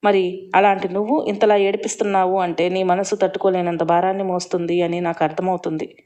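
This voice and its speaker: A woman voicing a kind adult man, an uncle figure, who reassures gently. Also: fairly low pitch, little pitch movement, a little fast, natural voice. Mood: comforting.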